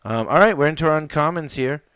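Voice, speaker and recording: A man hosting a live card unboxing, chatting casually in a rambling way with fillers and excited exclamations. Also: on the high side, fast talker, clear, resonant tone, dry recording.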